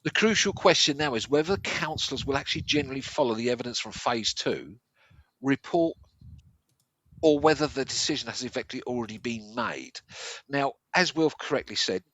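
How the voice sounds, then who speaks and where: A man's voice: medium pitch, expressive, brisk, a bit bright, no room sound, low-quality recording. An English man speaking as a local resident, giving opinions emphatically, repeating phrases for stress, with slightly slurred, toothless articulation. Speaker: local resident on a discussion panel. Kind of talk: opinionated discussion of local affairs.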